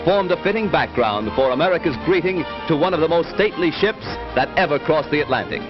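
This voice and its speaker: Newsreel announcer, male, rousing declamatory read, fairly high voice, dull old film sound with music under it. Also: animated, a little fast. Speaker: newsreel narrator. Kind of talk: dramatic 1940s newsreel narration.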